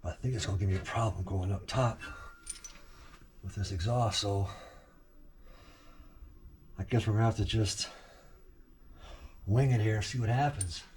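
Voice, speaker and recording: A man's voice: on the low side, normal speed, pauses often, a little mellow. Chatty man working in a noisy garage. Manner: chatty, talks while wrenching under the car. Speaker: car restoration vlogger. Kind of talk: casual talk to camera while working. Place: home garage. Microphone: camera mic, no clip-on mic. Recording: noisy garage with tool clicks.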